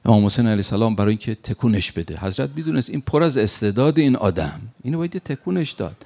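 A man's voice: mid-range voice, big pitch swings, darkish tone. A man preaching a sermon, telling a story in an emphatic way and acting out the lines of the people in it. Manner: recounts an anecdote with acted quotes, emphatic.

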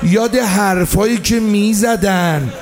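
A man's voice: high-pitched, darkish tone. A man giving a mourning sermon, lamenting and chanting with emotion. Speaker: mourning preacher.

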